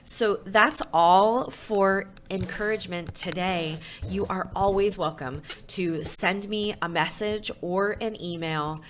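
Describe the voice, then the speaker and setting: A woman's voice: mid-range voice, takes it slowly, hardly any pauses, fairly bright tone, slight background noise. A woman parenting educator giving an encouraging recorded lesson, talking plainly with occasional fillers.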